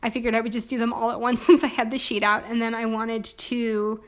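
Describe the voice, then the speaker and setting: A young woman in casual chat about her planner, hoarse from losing her voice, talking in a chatty way with lots of filler words. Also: on the high side, little pitch movement, a little fast. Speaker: planner vlogger.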